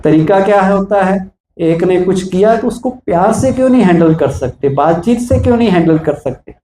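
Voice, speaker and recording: High-voiced man giving a motivational talk. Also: lively intonation, moderate pace, warm tone, reverberant, slight background noise, poor audio. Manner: preachy, asks rhetorical questions, acts out examples. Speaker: spiritual motivational speaker. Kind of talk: motivational talk to police staff.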